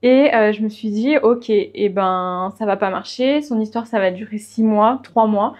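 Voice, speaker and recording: A young woman of Portuguese family background, a freelance web writer, appears as a podcast guest and tells her own story casually and conversationally. She speaks at a measured pace in a mid-range, darkish voice.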